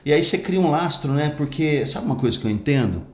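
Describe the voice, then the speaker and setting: A man's voice: fairly high pitch, lively intonation, fast talker, echoey room. A man, an actor and pastor telling his life story in an emphatic, earnest way as a podcast guest. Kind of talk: personal storytelling in an interview.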